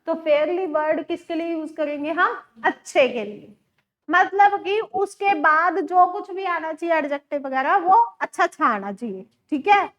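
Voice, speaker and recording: A woman's voice: very high-pitched, lo-fi sound. A woman teacher giving a chatty classroom lecture and telling her students stories. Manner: chatty, addresses students as beta.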